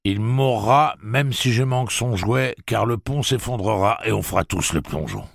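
A man voicing a stern, resolute gunslinger who speaks steadily and in measured tones. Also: fairly low pitch, animated, gravelly, no echo, clean studio sound, pitched above the performer's own voice.

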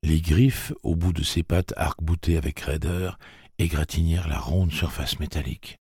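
A man reading a novel aloud as an audiobook narrator, with a gravelly, husky voice and a steady, measured delivery. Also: rumbling low, dry recording, clean studio sound. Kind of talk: scripted narration.

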